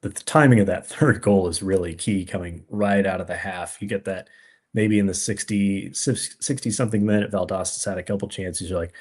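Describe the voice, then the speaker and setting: Deep voiced guy, co-host breaking down the game, lots of um and you know, easygoing. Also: steady tone, a little mellow. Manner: measured, thoughtful analysis with frequent fillers. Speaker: podcast co-host. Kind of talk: casual sports analysis chat.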